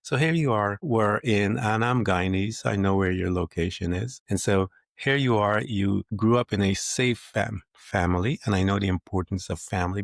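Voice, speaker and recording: A middle-aged man hosting an interview podcast, asking questions in a measured, reflective and slightly formal way. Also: deep voice, creaky, no echo, studio quality. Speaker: podcast host. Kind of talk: interview conversation.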